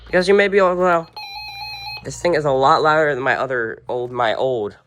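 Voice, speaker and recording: A radio collector whose sex is unclear walks through a home collection in a fairly bright, mid-range voice at a moderate pace. The casual, unscripted delivery offers blunt, offhand little verdicts on each piece. Shelves and tables of radios fill the indoor space, and there's slight hiss or hum.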